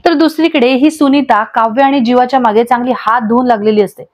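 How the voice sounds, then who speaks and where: A woman narrating a TV serial episode recap in steady storytelling style. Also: fairly high pitch, fairly quick. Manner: steady storytelling with linking phrases.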